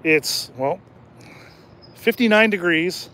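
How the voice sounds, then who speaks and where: A man hosting a casual livestream outdoors at night, jokey and rambling, his throat slightly hoarse from talking. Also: high-pitched, expressive, takes it slowly, bright, forceful tone, a little hiss or hum. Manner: rambling and jokey, laughs often. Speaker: channel host and rideshare driver.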